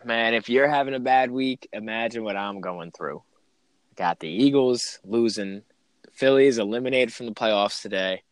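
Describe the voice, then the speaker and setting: A man's voice: medium pitch, moderate pace, no echo. A man from Philadelphia co-hosting a sports podcast, chatting casually.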